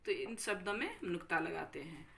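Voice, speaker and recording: A woman teacher with a Bihari Hindi accent giving a recorded grammar lesson, slowly repeating each word and checking in with her students. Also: lowish voice, very animated, vocal fry, fairly bright tone. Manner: slow, careful, repeats each word and checks with "thik hai".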